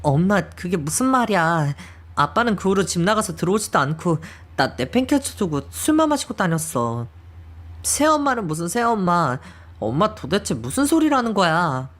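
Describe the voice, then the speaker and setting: A woman's voice: on the low side, big pitch swings, moderate pace. A woman voicing a hurt young adult daughter who reproaches her mother in an emotional audio drama reading. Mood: confused.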